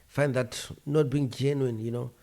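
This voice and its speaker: Gravelly man giving frank opinions. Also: mid-range voice, steady tone, a little slow, mellow. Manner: frank and opinionated, with frequent exclamations. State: tired, yawning. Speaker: online commentator reviewing YouTubers. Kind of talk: casual opinionated commentary.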